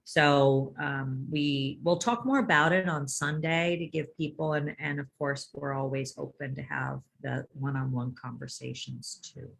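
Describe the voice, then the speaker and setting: A woman's voice: rumbling low, steady tone, a little slow, vocal fry, hardly any pauses. A woman pastor in casual chat, her voice jumping up on the words she stresses.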